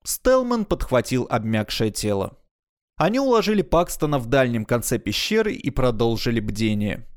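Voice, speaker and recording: A male narrator reads a science fiction story in a measured, expressive manner. His voice is middle-pitched for a man, steady and clear. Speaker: audiobook narrator. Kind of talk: audiobook narration.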